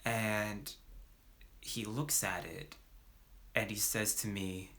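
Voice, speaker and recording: A young slacker-turned-dealer, remorseful and unsure, played by a man in a monologue. He talks in halting, slangy bursts with lots of "like" and restarts. His voice sits low, with a bright, tense edge. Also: flat delivery. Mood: reminiscing. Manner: hesitant, slangy, full of fillers and restarts. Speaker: actor. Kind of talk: dramatic monologue performance.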